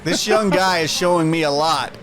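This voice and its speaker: High-pitched man calling wrestling with drama. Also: normal speed, crowd noise, poor audio. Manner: dramatic, emphatic, rhetorical questions. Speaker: wrestling commentator, play-by-play lead. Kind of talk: excited wrestling commentary.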